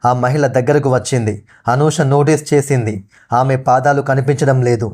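A man narrating a scripted horror story in a steady, measured way. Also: medium pitch.

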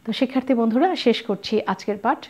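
A woman's voice: a little high, fast talker, darkish tone. A woman teacher explains pronunciation rules patiently and puts questions to her students. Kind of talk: pronunciation lesson. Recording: lo-fi muffled recording.

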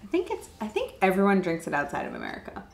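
A woman's voice: fairly low pitch, huge pitch swings, fast, vocal fry, faint music behind. A woman co-hosting a snack taste-test video in easygoing, curious casual chat.

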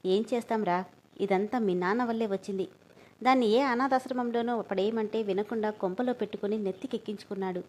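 A woman's voice: mid-range voice, brisk, a little mellow, lightly acted. A woman voicing a spiteful, scheming old grandmother who speaks with bitter scorn. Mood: scornful.

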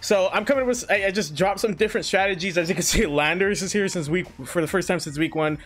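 A young man with a fairly high voice hosts his gaming channel in loose, rambling commentary, peppered with fillers. He sounds slightly out of breath. Faint music runs softly underneath. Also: fast talker. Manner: chatty and scattered, many fillers. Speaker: YouTube gaming channel host. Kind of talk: casual gameplay commentary.

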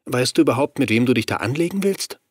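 A young man, breathless and agitated, scolding his friend, as a male reader voices him. His questions come fast and sharp. The audiobook recording is close and dry. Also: medium pitch, lively intonation, slightly rough, dry recording. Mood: exasperated.

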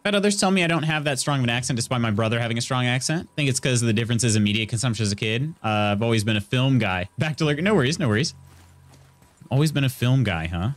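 Speaking fast and expressively in a mid-range voice, a man in his thirties chats casually as he plays and reads chat. He's a streamer with an Indiana Midwestern accent, indoors in a small room at home, using a studio mic on an arm near his face.

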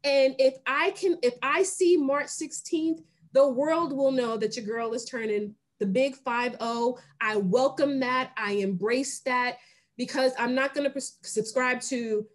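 A woman in her late forties, a guest on a video call, talking in an animated, emphatic way and laughing easily. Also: high-pitched, a little slow. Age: 40s. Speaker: guest, brand founder. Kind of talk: casual video-call conversation. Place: home room.

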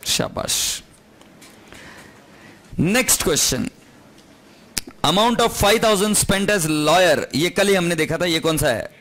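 A man's voice: sits high, lively intonation, takes it slowly, long pauses, fairly bright tone. A man teaching accounting to a class, firm and teasing, switching between Hindi and English. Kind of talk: recorded classroom lecture.

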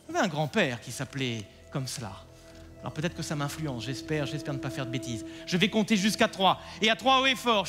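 A man's voice: high voice, pushed and bright. A man performing as a mentalist on stage, coaxing and directing a volunteer in a theatrical, commanding way, in a live theatre with long reverb.

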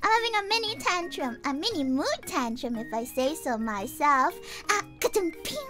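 A woman's voice: sits high, expressive, normal speed, over music. A woman chatting casually on a livestream as a cute anime streamer, childlike and playful, with cutesy verbal tics. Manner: cute anime streamer, childlike, refers to herself in third person. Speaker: virtual streamer introducing herself.

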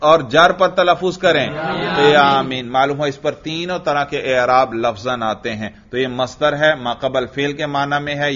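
A man from Pakistan teaching a grammar class, drilling his students with slow, patient questions and answers. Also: a little high, fairly bright tone. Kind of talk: classroom lecture with call-and-response drilling. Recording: dull lo-fi class recording.

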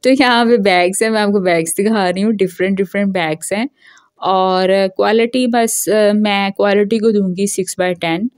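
A woman's voice: mid-range voice, steady tone, moderate pace, dry recording, clean studio sound. A young woman, chatting casually and joking as she walks through a shopping mall with her phone camera. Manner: chatty, jokey, laughs often between remarks. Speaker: shopping vlogger. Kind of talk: casual walk-through vlog. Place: indoor shopping mall, walking through aisles.

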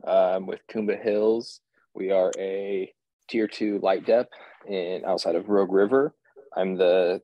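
Deep-voiced man, laid-back, over muffled call audio. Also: dry recording. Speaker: grading committee chair. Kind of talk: casual online meeting.

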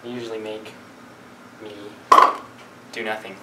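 A young man chats and jokes at himself while cooking at home. He sounds excitable and self-mocking. He is recorded from a camera across an echoey room, with noise behind him. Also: on the low side, a little slow. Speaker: host cooking. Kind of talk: casual joking chat. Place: home kitchen. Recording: echoey kitchen, distant camera, noisy.

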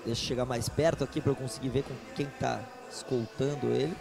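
Gravelly Brazilian male fight commentator. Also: medium pitch, steady tone, fast, music in the background. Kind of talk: live MMA commentary.

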